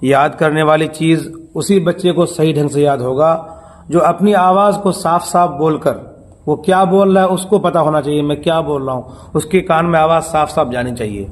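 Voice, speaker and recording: A man's voice: on the high side, fairly even intonation. A man teaching children to pronounce letters for Quran reading, patient and repetitive, often quizzing them with short questions.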